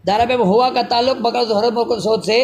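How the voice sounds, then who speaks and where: High-voiced man teaching grammar. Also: fairly even intonation, slight background noise. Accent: Pakistani Urdu. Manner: repeats each phrase, checks students follow. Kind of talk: classroom lecture.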